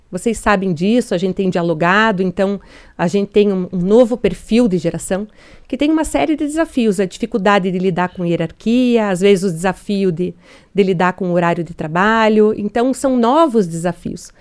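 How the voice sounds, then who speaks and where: Woman, 40s, mellow warm voice, earnest interview guest. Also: medium pitch. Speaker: guest from industry. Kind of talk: radio interview answers.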